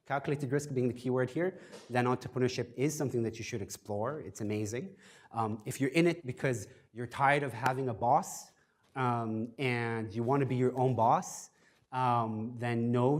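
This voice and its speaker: At a startup workshop, a male guest speaker with a medium pitch rattles through an informal talk before an audience in an event space. He often jokes at his own expense and fills gaps with "um"-type words.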